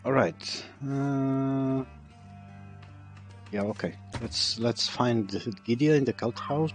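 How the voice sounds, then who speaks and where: A man's voice: mid-range voice, takes it slowly, faint music behind. A man streaming a game, chatting casually and reading the game's text aloud. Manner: casual, musing, reads dialogue aloud.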